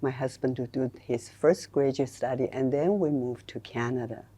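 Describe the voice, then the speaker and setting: A woman's voice: a bass voice, normal speed, warm tone, slightly rough. An older woman from China and Taiwan, a guest explaining traditions in careful, storytelling conversation. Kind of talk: conversational interview.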